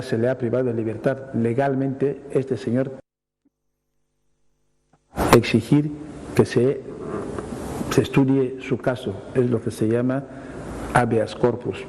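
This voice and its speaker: A man, a language academic on TV who explains word meanings at a measured pace, often repeating himself and giving examples. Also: mid-range voice, darkish tone. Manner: measured, repeats himself, reads definitions then gives examples. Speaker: language academic answering viewer questions. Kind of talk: explanatory TV segment. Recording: reverberant studio with faint hiss.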